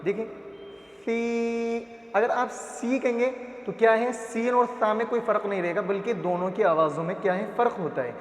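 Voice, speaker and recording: High-voiced man teaching in an echoey room. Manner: drawn-out demonstration of letter sounds, frequent check-ins. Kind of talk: patient Quranic reading lesson. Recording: echoey room with long reverb.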